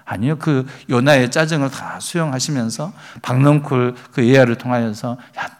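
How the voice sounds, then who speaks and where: A man preaching a sermon as pastor, reading scripture aloud and building emphasis. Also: mid-range voice.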